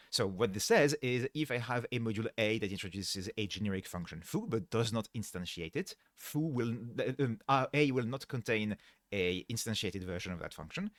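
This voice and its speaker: A man's voice: lowish voice, no room sound, studio quality. A tired man live-streaming his coding work on a headset microphone, thinking aloud step by step and correcting himself mid-sentence as he explains. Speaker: livestreaming programmer. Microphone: livestream headset mic.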